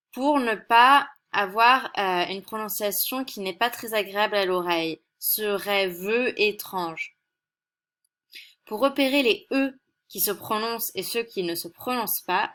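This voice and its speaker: A woman teacher gives a recorded poetry lesson at an unhurried, measured pace. Her pitch sits in a middle register, and she explains each point with care, reading the example lines slowly and gently. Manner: slow, deliberate, careful explanation; reads example verses slowly and softly. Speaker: French teacher.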